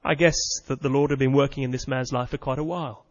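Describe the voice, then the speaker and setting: A man's voice: medium pitch, steady tone, quick pace. A man preaching a sermon with earnest, dramatic storytelling. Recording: muffled sound with long hall reverb.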